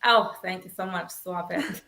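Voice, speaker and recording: Woman songwriter, soft and giggly, trails off, video call. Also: lowish voice, unhurried, poor audio. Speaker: songwriter guest. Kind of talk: casual chat on a video call.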